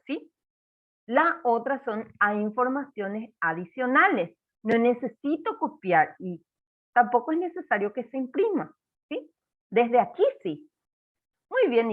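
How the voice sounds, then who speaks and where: Lady teacher talking to little kids, slow and bouncy pitch, a bit high. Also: narrow, tinny audio. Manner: slow, encouraging, spells words out for children. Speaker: primary school teacher. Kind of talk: recorded online class for first graders.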